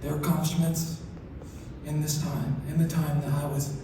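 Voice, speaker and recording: A soft-spoken man giving an acceptance speech, his articulation slurred as if one side of his mouth is numb. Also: fairly high pitch, level tone, normal speed. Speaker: award recipient. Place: large hall through PA. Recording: echoey hall, distant, noisy ambience.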